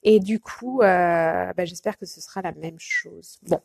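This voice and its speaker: A woman's voice: on the low side, measured pace, gravelly, a little mellow, no echo. Hesitant chatty woman coach, dry sound. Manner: hesitant, many fillers and restarts; chatty, greets viewers by name. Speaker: life coach. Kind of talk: casual live video chat.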